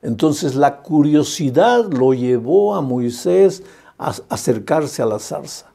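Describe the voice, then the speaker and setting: A man's voice: on the high side, lively intonation, slow pace, gravelly, dark tone, husky. A male pastor preaching an evangelistic sermon with impassioned, repetitive cadences, speaking directly and fondly to the listener.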